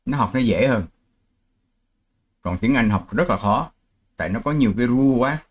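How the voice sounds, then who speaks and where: Middle-aged man, mid-pitched and easygoing, hosting a live stream and teaching through examples. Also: lively intonation, normal speed. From Vietnam. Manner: chatty, explains with worked examples, laughs easily. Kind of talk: casual live-stream chat.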